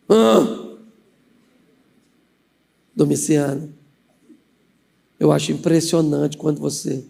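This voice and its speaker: Guy putting on a sneaky old lady, soft and slow, sweet-talking, a bit gravelly. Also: a little high, pitched below the performer's own voice, heavily acted. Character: sly sweet-talking older woman, soft and coaxing.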